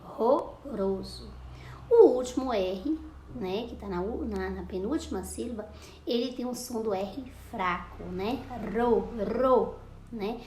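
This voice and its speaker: A woman's voice: medium pitch, unhurried, dark tone, a little hiss or hum. A woman teaching a lesson to young children, patiently repeating words and sounding out syllables. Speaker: primary school teacher. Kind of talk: recorded classroom lesson for children. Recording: echoey room, faint ambience.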